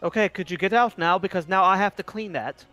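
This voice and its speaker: Man playing a restrained, higher-pitched annoyed elf. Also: brisk, bright, forceful tone, soft background music. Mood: exasperated. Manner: polite, exasperated, restrained. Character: stoic, mildly annoyed male elf tending a sacred pool.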